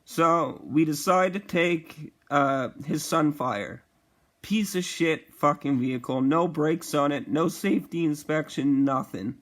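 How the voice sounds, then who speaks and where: A young man casually telling a profane storytime vlog, animated and acting out the quotes. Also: a little high, measured pace. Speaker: vlogger.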